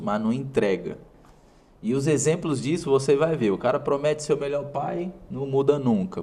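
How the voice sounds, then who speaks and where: Warm and mid-range, this male host's voice carries a Brazilian Portuguese accent. Addressing the viewer head-on, he delivers an emphatic motivational talk built from short, punchy phrases he repeats.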